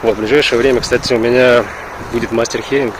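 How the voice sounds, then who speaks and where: A man from Russia, chatting in a halting, reflective way in a casual vlog recorded outdoors with wind on the mic. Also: medium pitch, little pitch movement. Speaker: vlogger. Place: outdoors in a park. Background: wind and outdoor ambience.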